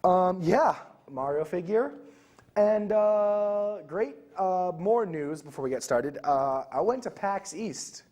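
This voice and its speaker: A man's voice: high voice, animated, slow, darkish tone. Chatty young man hosting a game show. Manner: loose, rambling, many fillers. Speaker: co-host of a gaming show. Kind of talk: casual chat.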